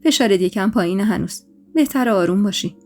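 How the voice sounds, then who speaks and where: A woman's voice: mid-range voice, animated, a little mellow, faint music behind, close to an everyday voice. A woman voicing a kind village nurse who speaks in a friendly, matter-of-fact way.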